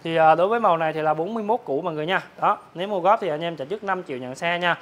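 A man, a motorbike dealer, giving a hard-sell promotional sales pitch to viewers, repeatedly rattling off prices. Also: rapid-fire, fairly bright tone. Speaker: motorbike dealer presenting his stock. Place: large open-sided metal-roofed motorbike warehouse.

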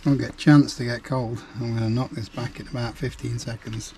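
A man's voice: medium pitch, flat delivery, a little fast, mellow, slight background noise. Dry-humoured man vlogging from a camper van. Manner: dry, joking, self-mocking asides. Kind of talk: casual vlog chat. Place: camper van and outdoors on a camping trip.

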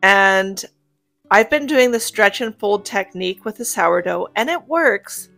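A woman narrates a homemaking cooking vlog. Her voice sits at an ordinary middle pitch, and she talks to viewers in a cheerful, chatty way. Soft guitar music plays faintly underneath. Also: expressive, unhurried. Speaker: homemaking vlogger. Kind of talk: cook-with-me voice-over narration.

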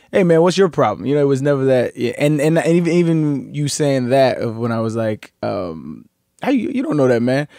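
A man in his thirties hosting a casual talk, speaking in a laid-back, reflective way that trails off into low mumbles. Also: a little mellow, dry recording, clean studio sound. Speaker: podcast host. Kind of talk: casual conversation.

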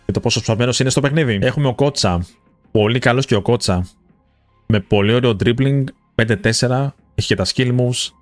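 A young man from Greece commentating a football game pack opening, rattling through card ratings with excited bursts at big pulls. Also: mid-range voice, no room sound, soft background music. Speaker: gaming YouTuber.

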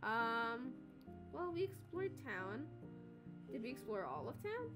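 A woman's voice: fairly high pitch, sing-song, takes it slowly. A young woman giving casual playthrough commentary and reading game text aloud, giggly and reactive. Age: young adult. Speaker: gaming video host. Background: video game music.

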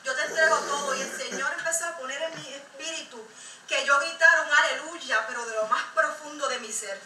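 A woman's voice: high voice, a little fast, sharp tone, slight background noise. A woman giving an impassioned testimony sermon at a church service, exhorting the congregation. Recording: echoey room, mic far off.

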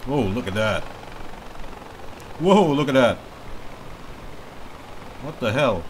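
Speaking slowly and expressively in a mid-range voice, this young man from Malaysia runs a laid-back let's-play, cracking jokes, cursing and laughing at what happens on screen as a gaming video host. Game music and vehicle sounds play clearly under his voice, with slight background noise.

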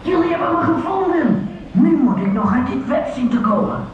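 A man playing an excitable stranded explorer in a theme park ride's audio drama. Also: moderate pace, very echoey, some chatter behind, slight background noise. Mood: excited relief. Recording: boomy, dull, distant indoor ride audio.

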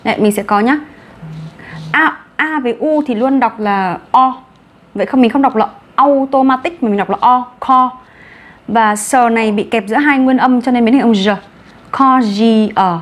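A woman with a Vietnamese accent teaches English vocabulary in an online class, switching between Vietnamese and English. She is brisk and encouraging, and her voice sits fairly high.

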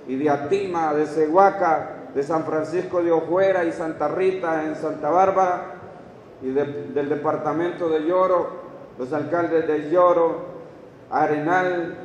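A middle-aged Honduran man stands at a lectern in a large hall and reads out town after town in a formal speech. His voice sits fairly high for a man. The hall adds a long, echoing reverb, and the lectern mic picks him up from some distance away. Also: steady tone, unhurried, slight background noise. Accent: Honduran Spanish. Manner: reads long lists of towns and names from a page, with asides. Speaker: official speaker at a graduation ceremony. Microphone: lectern microphone. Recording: echoey hall recorded from a distance.

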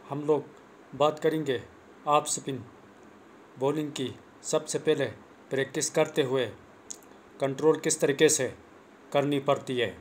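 The voice is a young man's, on the high side, with fairly even intonation and an unhurried pace broken by frequent pauses. He's a cricket coach vlogger giving a plain, repetitive, earnest bowling tutorial, casual and spoken, into a lapel mic clipped on in a small room with the phone camera close. A little hiss or hum is audible.

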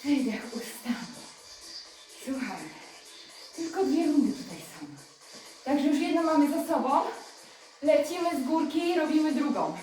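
A female fitness instructor coaching a live workout, counting reps and giving brisk, encouraging cues while she exercises, sometimes short of breath. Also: high voice, sing-song, warm tone. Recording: echoey room, voice from a distance, music behind.

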